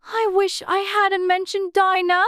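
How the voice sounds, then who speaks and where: A woman's voice: very high-pitched, unhurried, dry recording, clean studio sound, pitched above the performer's own voice. A woman voicing a polite, eager little girl in a dramatized audiobook reading. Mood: melancholy. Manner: humble, eager, pleading.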